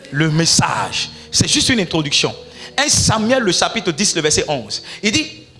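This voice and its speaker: A man preaching a sermon as pastor, often shouting and breaking into sung lines. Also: high-pitched, creaky.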